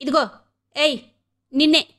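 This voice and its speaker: A proud young woman with a short temper, scolding in curt, clipped bursts, as a female narrator puts her on. The voice sits a little high, and it is heard in an audiobook reading. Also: fairly even intonation, a little slow, fairly bright tone. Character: sharp-tongued proud young woman of the house.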